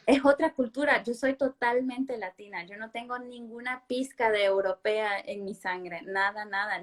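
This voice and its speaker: A woman from Honduras in her thirties, a guest in a conversational interview, who talks emphatically and repeats words for stress. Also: on the high side.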